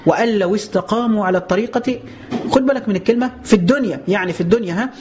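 An Egyptian-accented man preaches in a high, quick voice, in a lively colloquial way. He piles up rhetorical questions and drawn-out exclamations, then slows down to recite scripture. The pace stays brisk between the recitations. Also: a little hiss or hum. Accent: Egyptian Arabic. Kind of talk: colloquial religious lesson with slow scripture recitation.

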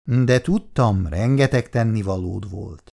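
A man's voice: gravelly, a little mellow. A reader voicing a placating, weary young husband and father who answers in a soothing, gloomy tone in a dramatized reading of a 1960s family story. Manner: soothing, gloomy, low-voiced.

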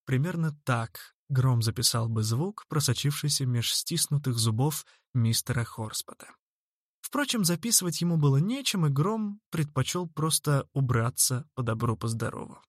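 A man narrating a storybook in a measured, lightly ironic way. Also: medium pitch, animated, no room sound, clean studio sound. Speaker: audiobook narrator.

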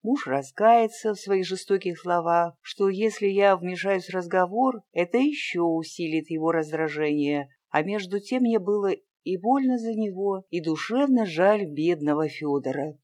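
An audiobook reader narrating a story in an even, measured way. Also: medium pitch. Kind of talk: scripted narration.

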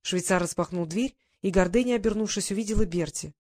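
A woman narrating a romance novel audiobook in calm, even storytelling. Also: medium pitch, fairly quick, no echo, studio quality.

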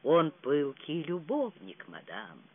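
A reader voicing a quiet, dryly deferential older lady's maid in an audiobook. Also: mid-range voice, huge pitch swings, slow pace, husky, voice pushed down, exaggerated voice. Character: dry, low-voiced older lady's maid. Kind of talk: audiobook reading. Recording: tinny phone-like sound.

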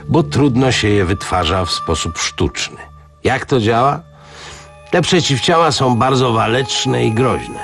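A learned pathologist lecturing a policeman in a deep, measured voice, as a male radio reader voices him. His pitch rises and falls widely as he sets out each point. Faint music runs underneath. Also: exaggerated voice.

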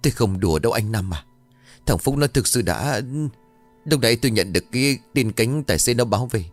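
A man's voice: mid-range voice, lively intonation, fairly quick, no echo, faint music behind, close to an everyday voice. A man voicing a middle-aged bus company owner who brings bad news urgently and earnestly.

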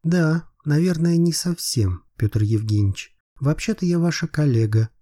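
A man's voice: fairly high pitch, lively intonation, normal speed, warm tone, voice pushed up. A man reading an audiobook, voicing a playful, ironic young woman private detective in a raised voice. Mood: cool. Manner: teasing, ironic.

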